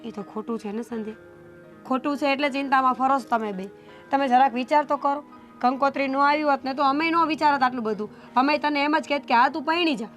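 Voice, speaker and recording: A woman playing a scolding, fast-talking elder sister. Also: high-pitched, a bit bright, faint music behind. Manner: scolding, reproachful. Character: exasperated elder sister scolding the younger one. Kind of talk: family drama acting.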